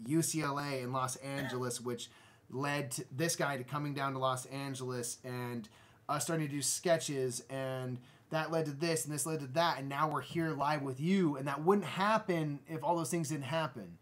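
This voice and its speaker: A man in his thirties co-hosting a board game live stream, talking casually in an animated, rambling way and laughing often. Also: mid-range voice, moderate pace. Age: 30s.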